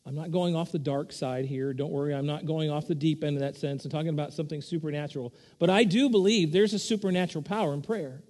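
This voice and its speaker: In a church hall with long reverb, a pastor preaches fast with few pauses and fairly even intonation. His earnest sermon gains force on repeated points, swelling in volume and pitch.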